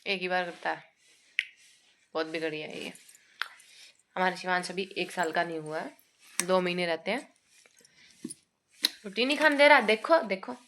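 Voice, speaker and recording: A woman's voice: on the low side, normal speed, pauses often, a bit bright, slight background noise. A young woman vlogging casually at home, cooing and baby-talking to her infant son between remarks to viewers.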